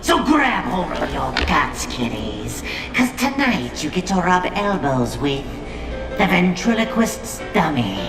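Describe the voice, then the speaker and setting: A man voicing a gleefully ghoulish undead horror host with a shrill rasp, theatrical and punning, on a TV show. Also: very animated, slow, heavily acted. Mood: gleefully macabre. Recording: roomy, distant, music underneath.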